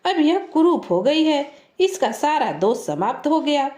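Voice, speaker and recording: A self-important young groom with a foolish scholar's pride, as a woman storyteller puts him on, lecturing and scolding in a pedantic tone. The voice sits high and swings widely in pitch. It is heard in an echoey room. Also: sing-song, unhurried, darkish tone. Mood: pompous.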